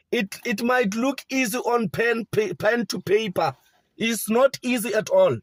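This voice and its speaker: Emphatic man, slow and high. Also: breathy edge, no echo. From South Africa. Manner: emphatic, repeats key phrases for effect. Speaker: public speaker. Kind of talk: political speech.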